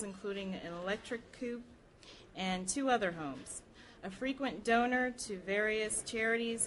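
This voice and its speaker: At a live library program, a female public reader with an American accent reads from a nonfiction history book in a mid-range, fairly bright voice. The event recording carries clear noise.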